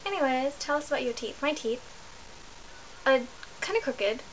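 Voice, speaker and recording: A young adult New Zealand vlogger sits in her small bedroom rambling to camera, recorded on a laptop webcam, and frequently corrects herself in this casual chat. She has a high-pitched, expressive voice and a moderate pace, and the rough recording has a little hiss or hum.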